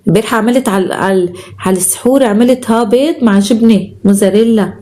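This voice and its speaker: A woman's voice: mid-range voice, quick pace, warm tone. A woman with a Syrian Arabic accent hosting a live stream, chatting casually as she reads out viewer comments and showers them with endearments.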